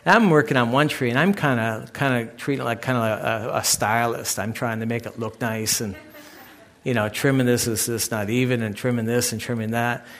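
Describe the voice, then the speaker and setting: A middle-aged man, a pastor, preaching a sermon with lively storytelling. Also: mid-range voice, a little fast. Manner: animated storytelling, acting out others loudly.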